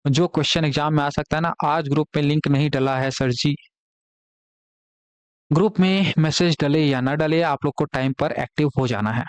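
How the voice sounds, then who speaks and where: A man's voice: fairly high pitch, normal speed, clear, resonant tone, no echo. A man teaching a live online exam-prep class from a classroom, with a Chhattisgarh Hindi accent, explaining patiently, repeating key words and asking students questions.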